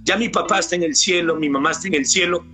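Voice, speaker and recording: A man's voice: fairly high pitch, fast. A middle-aged man with a Peruvian Spanish accent giving an earnest faith testimony as a church cell leader, often addressing his pastor. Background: soft guitar music.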